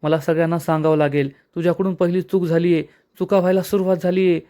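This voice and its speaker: A theatrical, fault-finding aunt-in-law, put on by a man, in a raised voice. She shouts and accuses, and makes every small thing a disaster. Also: a little high, flat delivery, fast talker, natural voice. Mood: scolding. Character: scolding, dramatic older woman, aunt-in-law.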